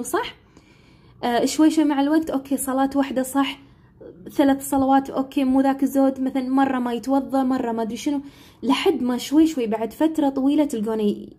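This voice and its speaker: A young woman talks quickly and casually to her live-stream audience, like an English teacher giving advice. Her voice sits a little high, with a mellow, slightly husky tone. She keeps checking in with her listeners as she goes. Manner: chatty, asks listeners "right?" often.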